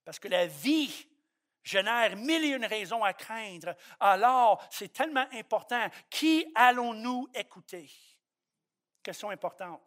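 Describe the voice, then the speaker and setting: A middle-aged man preaching a sermon as pastor, swinging from loud emphatic declarations to quiet joking asides. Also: high-pitched, animated, unhurried.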